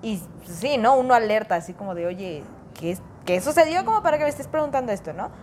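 A woman's voice: a little high, fast, a little hiss or hum. A woman in casual conversation, talking about raising children and acting out the voices of kids and parents. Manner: animated, acts out quoted voices.

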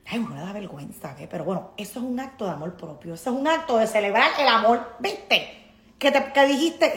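In an echoey room, a medium-pitched woman with a Puerto Rican accent runs a casual live stream and reads out comments from viewers. She's from Puerto Rico and speaks in an emphatic, preachy, motivational manner.

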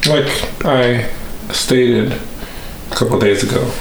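A man's voice: medium pitch, slow pace, creaky, slight background noise. A young man chatting casually as a podcast co-host, blunt and slangy, repeating phrases for emphasis. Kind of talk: casual chat. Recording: very roomy echo, music behind.

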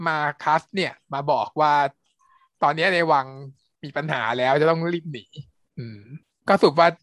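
A man co-hosting a podcast, retelling a series plot in a relaxed, meandering way. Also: on the high side, moderate pace, no room sound. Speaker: podcast co-host, series reviewer. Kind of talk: casual review chat.

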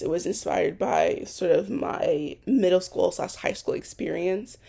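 A young podcast host rambles through an unscripted solo episode recorded at home, her mid-range voice mellow with vocal fry and starting to go. She restarts frequently and fills gaps with ums.

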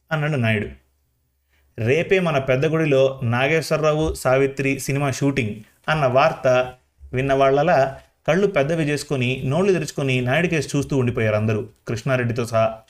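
Male storyteller, middle pitch, calm and even scripted narration.

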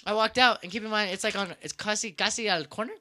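A young man hosting a casual podcast, telling stories with plenty of swearing and bits of Spanish. His voice sits high and bright. He talks at a fast clip. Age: young adult. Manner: animated storyteller, swears freely, drops Spanish phrases. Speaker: podcast host.

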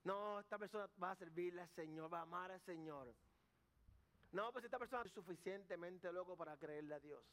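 High-voiced preacher man. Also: brisk, fairly bright tone. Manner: addresses the congregation directly with questions. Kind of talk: sermon.

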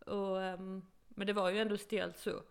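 A woman from Sweden in her twenties talks in a relaxed, chatty way. Her voice has a gravelly edge. She tells a story with lively quoted lines and laughs along as she goes. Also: mid-range voice. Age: 20s. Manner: animated storytelling, acting out quotes, laughs often. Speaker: podcast co-host telling an au pair story. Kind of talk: casual chat.

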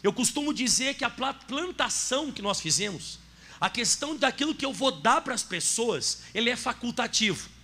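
A man's voice: extremely high pitch, sing-song, normal speed, sharp tone. A man preaching a sermon as pastor, telling a story and speaking directly to his congregation.

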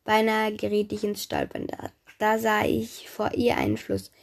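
A woman narrating a children's myth in first person, lively and chatty, speaking directly to the listener. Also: mid-range voice, normal speed, creaky. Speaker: storyteller.

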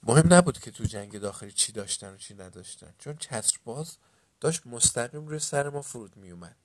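A man reading a children's story aloud in a lively way, raising his voice for the shouting in the story. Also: medium pitch. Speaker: audiobook narrator.

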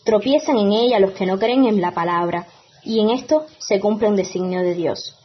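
Husky woman reading scripture formally. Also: medium pitch, moderate pace, dull audio. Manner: formal, declamatory. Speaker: lector at Mass.

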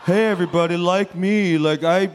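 Man hamming up a boastful radio host: loud, higher, robotic and sneering. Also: fairly even intonation, moderate pace, a little hiss or hum, lightly acted. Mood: mocking. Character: boastful male radio host, mocking and brash.

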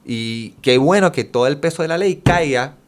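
Animated man explaining. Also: fairly high pitch, moderate pace. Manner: animated, explains with examples, Caribbean Spanish slang. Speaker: guest, music therapist. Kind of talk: casual conversation.

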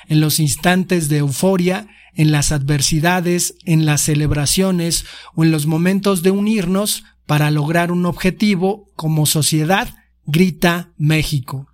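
A young Mexican man hosts a podcast, reading out a text in a steady, declamatory tone. His voice sits fairly high for a man. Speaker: podcast host.

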